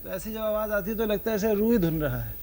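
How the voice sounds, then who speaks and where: A man from North India teaches the sarod to a class, speaking in a high, lively voice. He keeps asking his students questions and sings the note syllables aloud to show the scale. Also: fast talker, faint music behind. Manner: asks the audience questions, sings sargam syllables. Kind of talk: lecture-demonstration to students.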